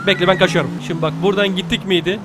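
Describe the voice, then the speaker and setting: Hyped guy narrating his game, high voice jumping all over, loud game noise behind. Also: rapid-fire, a crowd in the background. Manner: excitable, swears and yells at enemies. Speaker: gaming channel host. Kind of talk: live gameplay commentary. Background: game sound effects and vehicles.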